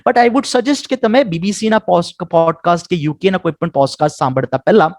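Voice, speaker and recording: A man's voice: high voice, fairly quick, no room sound, studio quality. A man with an Indian English accent giving a webinar lecture on English skills. He switches between Gujarati and English and ends nearly every point with a coaxing "right?".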